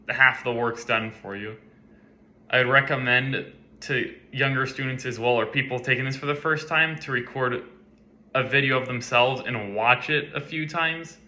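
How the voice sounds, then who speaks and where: Young man with a very bright voice. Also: medium pitch. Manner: casual, conversational, with some filler words. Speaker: college student. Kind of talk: recorded class reflection talk.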